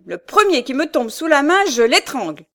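A woman's voice: mid-range voice, lively intonation, moderate pace, a little mellow, close to an everyday voice. A woman voicing a poor young husband in an audiobook, frightened and pleading. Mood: furious. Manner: trembling, pleading. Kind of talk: audiobook character voice.

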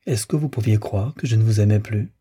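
Guy reading a lovesick young gent in an audiobook, earnest and pleading, dark breathy voice. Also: on the low side, a little fast. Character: lovesick, tormented young gentleman.

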